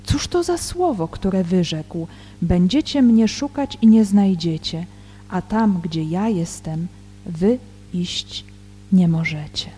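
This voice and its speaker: A woman reads scripture slowly and deliberately, then explains it like a Bible teacher, pausing over her words. Her voice is mellow and unhurried. A long reverb trails behind her, with faint music underneath. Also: fairly low pitch, expressive, breathy edge. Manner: measured, deliberate reading with hesitant fillers when explaining. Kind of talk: slow scripture reading and explanation.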